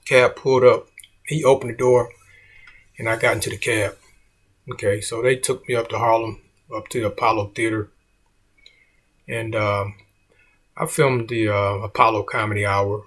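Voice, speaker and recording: A man's voice: lowish voice, steady tone, normal speed, long pauses, a bit bright, breathy edge. A middle-aged man, a comedian, telling a story in a laid-back way and saying "man" often.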